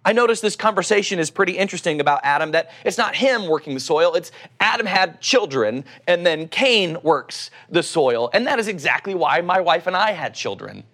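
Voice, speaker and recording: A man's voice: sits high, expressive, a little fast, hardly any pauses, a bit bright. A middle-aged man with an Oklahoma accent gives a conversational sermon, teaching through scripture and posing rhetorical questions. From Oklahoma, United States. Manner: teacherly, asks rhetorical questions and answers them. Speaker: preacher.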